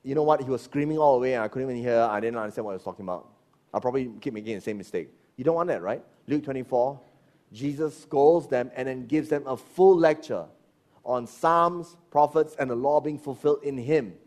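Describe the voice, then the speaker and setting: A middle-aged man preaching a sermon, animated, firing rhetorical questions and dropping into low asides. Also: brisk. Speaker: pastor.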